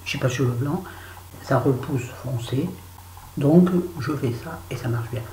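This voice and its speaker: This middle-aged beauty vlogger has an extremely low pitch and a warm tone, speaking a little slowly. She playfully fakes a southern French accent while chatting casually about beauty products she has used up. The recording has room echo and faint noise.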